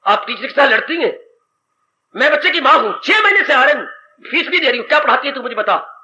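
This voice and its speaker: A man's voice: very high-pitched, lively intonation, fast talker, pushed and bright, slight background noise, heavily acted. An indignant mother, as a preacher man puts her on. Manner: scolding, confrontational. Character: indignant mother scolding a teacher. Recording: dull lo-fi 1990s tape.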